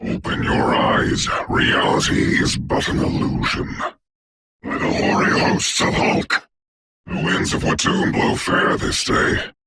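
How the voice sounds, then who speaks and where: A man voicing a proud, grave sorcerer doctor in a video game, speaking formally and theatrically in a rough, whispery voice. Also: slow pace, pushed and bright, slight background noise. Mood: commanding, proud. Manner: grandiose, formal, archaic, solemn delivery. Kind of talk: theatrical game character voice lines.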